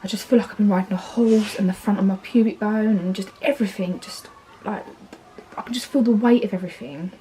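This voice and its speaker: A woman's voice: mid-range voice, steady tone, brisk, dark tone, a little hiss or hum, low-quality recording. A heavily pregnant woman in her thirties with an Essex accent, chatting casually in a vlog, rambling with fillers and restarts and sounding tired. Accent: Essex English. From England. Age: 30s. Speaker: vlogger.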